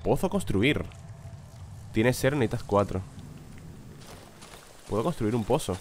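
A man's voice: mid-range voice, animated, unhurried, a little hiss or hum. A man commentating his horror game session, jumpy and swearing, reading item names aloud. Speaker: gaming video host. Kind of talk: let's play commentary.

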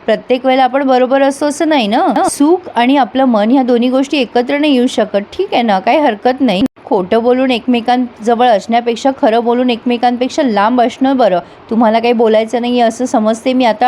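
A woman voicing a hurt young wife who speaks firmly and coldly, with quiet dignity. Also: fairly high pitch, fairly quick, few pauses, slight background noise, close to an everyday voice. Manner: firm, cold, dignified. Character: hurt, proud young wife, firm and composed.

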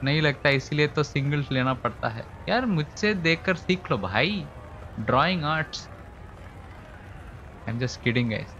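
A man's voice: a little high, animated, racing, fairly bright tone. Indian man streaming, slightly dull sound. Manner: joking, playful boasting. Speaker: live game streamer. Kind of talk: casual chat while gaming. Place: indoor room, streaming setup. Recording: dull audio with faint game noise. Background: cricket game sound.

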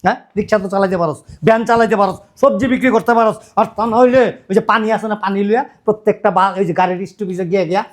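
An actor playing a loud middle-aged father-in-law who keeps berating his idle son-in-law. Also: sits high, racing, few pauses, natural voice. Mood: furious. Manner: shouting, berating, repetitive rants.

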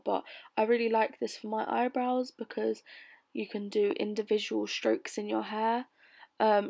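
A young British woman narrates a casual beauty tutorial. She sounds bored and low on energy, with a slightly high voice that often drops into heavy creak. Her delivery is informal and unhurried in feel, like a vlogger chatting over her own footage. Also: darkish tone. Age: young adult. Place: bedroom, voice-over recorded lying on bed.

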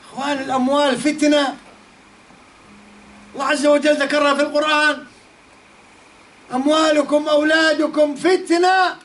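A man's voice: very high voice, flat delivery, moderate pace, long pauses, fairly bright tone. A man giving a religious lesson, telling a story and firing off rhetorical questions. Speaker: Islamic teacher. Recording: distant mic, faint background noise.

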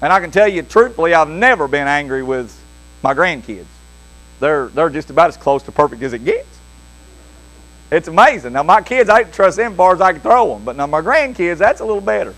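An older man preaching a sermon, telling a homespun, jokey story in a lively, folksy way. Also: fairly high pitch, fairly quick, low-quality recording. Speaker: pastor.

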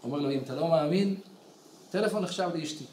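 A man with a high voice delivers a sermon as a lively story, acting out each character's lines as he goes. He is recorded in a roomy, echoing study hall with a faint hum in the background. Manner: animated storyteller who acts out quoted characters. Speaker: rabbi giving a weekly Torah lesson. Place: study hall in a small village.

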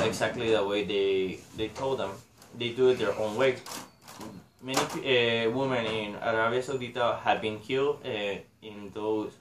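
A man's voice: mid-range voice, fairly bright tone. Young guy presenting for class, lots of uhs, echoey little room, faint hiss. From Honduras. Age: young adult. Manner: hesitant, many filler uhs. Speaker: student presenter. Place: small indoor room.

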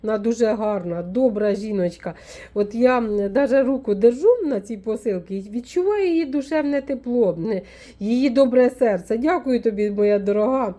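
A woman from Ukraine, a folk witch vlogger, chatting warmly as she unpacks a parcel, full of fond diminutives. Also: a little high, normal speed. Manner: warm, doting, with many fond diminutives. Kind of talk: casual unboxing vlog.

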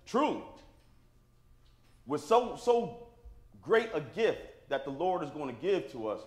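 Delivering a sermon slowly, a man with a slightly high, sing-song voice talks to his congregation in plain-spoken, informal language. He regularly asks "right?" to draw a response, and the sanctuary's echo is audible.

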